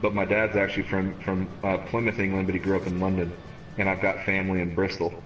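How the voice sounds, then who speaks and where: Low-pitched and completely flat, this stream host speaks quickly with a fairly bright tone whose highs are cut off. Cayman Islands-born, American-raised and in his thirties, he rambles through a casual gaming chat, repeating words as he thinks out loud, picked up by a distant mic in a roomy space with faint noise.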